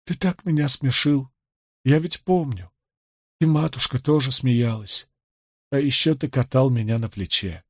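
A man voicing a tipsy young noblewoman, proud and emotional, speaking a little higher with an indignant edge. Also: unhurried, no echo, studio quality, close to an everyday voice. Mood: tearful.

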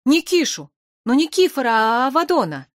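A woman's voice: normal speed, no echo, clean studio sound, natural voice. A woman voicing a distraught, tearful young man who talks in sobbing, breathless bursts in an audiobook. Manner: sobbing, breathless, high-strung. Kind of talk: audiobook character voice.

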